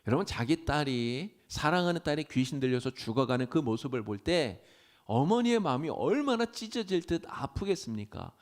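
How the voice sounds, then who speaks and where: A man's voice: fairly high pitch, very animated, moderate pace. Earnest male pastor preaching. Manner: earnest preaching, rising to cries when quoting pleas. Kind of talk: sermon. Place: church sanctuary.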